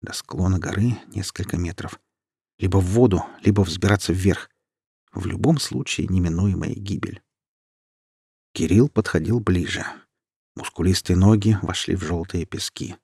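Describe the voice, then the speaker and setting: A man narrating a scripted horror story in a measured, grim manner. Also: low-pitched, vocal fry, warm tone, slightly rough, no echo, clean studio sound.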